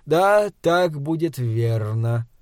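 A man reading an audiobook, voicing a brusque, sardonic grown male monster hunter who gives gruff, mocking orders. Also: fairly high pitch, expressive, a little slow, a little mellow, no room sound, clean studio sound.

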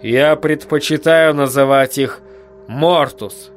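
A man's voice: on the high side, slow, faint music behind. A man voicing a cool, dry adult sorcerer who speaks curtly and with detachment, in an audiobook. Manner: curt, detached.

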